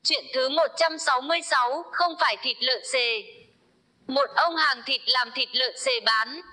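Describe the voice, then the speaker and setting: A woman with a high voice reads short folk jokes aloud as a storyteller. Her tone is bright and sharp, and she keeps an even, unhurried storybook pace.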